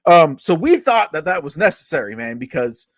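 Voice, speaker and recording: A man hosting a casual podcast, talking fast and excitedly and swearing freely. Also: fairly high pitch, dry recording, clean studio sound. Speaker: podcast host.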